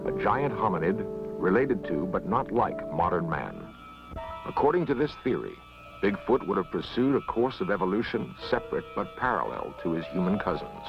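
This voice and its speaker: American guy doing dramatic nature documentary narration, suspenseful and really expressive, muffled old tv sound w loud music. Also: deep voice, creaky. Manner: measured, suspenseful delivery. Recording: dull vintage TV soundtrack, loud music behind. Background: loud background music.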